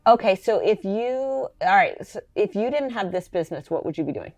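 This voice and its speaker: A woman hosting an interview, chatting in a friendly and agreeable way with quick interjections. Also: mid-range voice, animated, darkish tone. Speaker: interview host. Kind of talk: casual interview chat.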